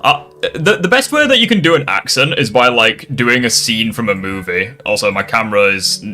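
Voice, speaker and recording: A man's voice: medium pitch, animated, moderate pace, sharp tone, soft background music. A man giving casual, irreverent commentary as a YouTuber answering critics, swearing and rambling into asides.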